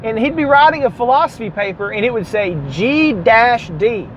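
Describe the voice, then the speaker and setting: Southern man teaching a Bible class, talks in a fairly high register, explains patiently, dull recording. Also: expressive, moderate pace, slight background noise. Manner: explanatory, spells out letters, self-correcting asides. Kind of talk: classroom lecture.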